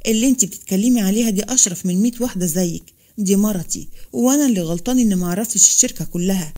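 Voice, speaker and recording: A woman's voice: mid-range voice, very fast, warm tone, natural voice. A woman doing a blunt Upper Egyptian groom. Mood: angry. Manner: blunt, commanding. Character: Upper Egyptian man, forceful, possessive groom.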